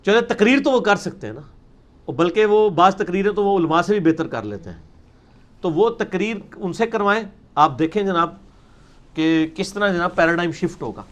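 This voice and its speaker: A man's voice: high voice, animated, fairly bright tone. A man answering religious questions in an emphatic, explanatory lecture style, with many English terms.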